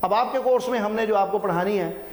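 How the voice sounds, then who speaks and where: Man, science teacher, high voice, repeats key terms, roomy echo. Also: fairly quick. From Pakistan. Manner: repeats terms, checks in with "ठीक है"; mixes English terms into Urdu. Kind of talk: classroom biology lecture.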